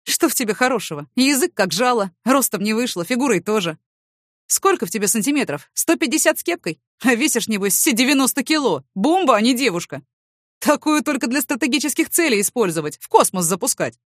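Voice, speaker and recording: A woman's voice: on the high side, expressive, a little fast, no room sound, studio quality. A woman voicing a blunt, teasing young male boxer who fires off mocking retorts.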